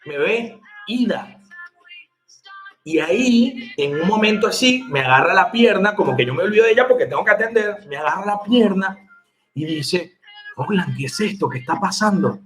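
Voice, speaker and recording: A man who works as a bartender, telling a story to his viewers in an animated, chatty way and laughing along. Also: high-pitched, moderate pace, soft background music. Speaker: bartender and online mixology teacher. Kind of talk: casual storytelling to camera.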